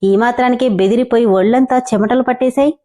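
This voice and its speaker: A woman's voice: on the high side, fairly even intonation, fairly quick, warm tone, close to an everyday voice. A woman narrator voicing an arrogant young male boss who talks in a sarcastic, taunting way.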